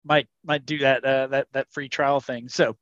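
A man's voice: mid-range voice, level tone, moderate pace, fairly bright tone, no echo. Give me a rambling male co-host in casual chat, dull lo-fi sound. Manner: rambling, many fillers and restarts. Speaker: podcast co-host.

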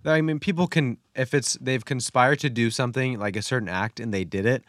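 A young man co-hosting a podcast, chatting casually with deadpan jokes. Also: mid-range voice, a little fast, no room sound, studio quality. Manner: joking, deadpan asides. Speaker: podcast co-host. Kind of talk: casual chat.

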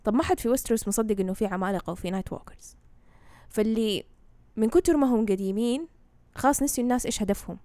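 A woman speaks quickly in Hejazi Saudi Arabic with English words mixed in. She explains in a casual, conversational way, often tossing in check-in questions. The sound is close and dry. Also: fairly high pitch, dark tone, dry recording. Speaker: knowledgeable guest explaining fantasy lore.

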